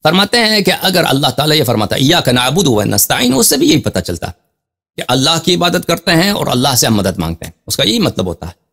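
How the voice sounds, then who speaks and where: A male religious scholar lectures on Quran commentary, and his pitch swings widely as he stresses points. He reads Arabic passages slowly and explains them. He keeps repeating phrases and posing questions to drive each point home. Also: very animated, a bit bright.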